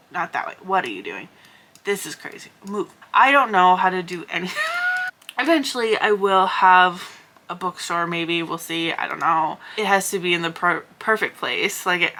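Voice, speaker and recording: A young woman chats through her day in a loose, rambling vlog, thinking out loud and circling back with fillers. Her voice is bright and clear. A faint hum of noise sits under her. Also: fairly low pitch. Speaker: vlogger. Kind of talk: casual vlog chat.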